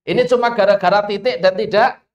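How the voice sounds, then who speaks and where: Javanese-accented recitation teacher, measured mid-pitched delivery, reverberant hall-like space. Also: a little mellow, muffled recording. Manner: asks the listeners questions and answers them, stretches out example verses. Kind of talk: Quran recitation lesson. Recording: echoey room.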